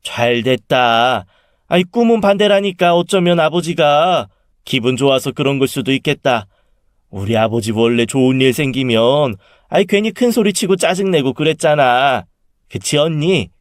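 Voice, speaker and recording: A man voicing a chatty middle-aged aunt who tells about a dream in a drawn-out, gossipy way. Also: medium pitch, lively intonation, dry recording, studio quality, close to an everyday voice. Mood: reassuring.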